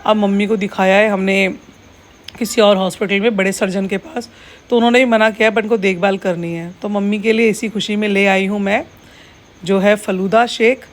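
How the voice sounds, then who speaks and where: A woman's voice: mid-range voice, steady tone, moderate pace. A woman vlogging in a casual, chatty way, talking straight to her viewers as friends. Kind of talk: casual vlog chat.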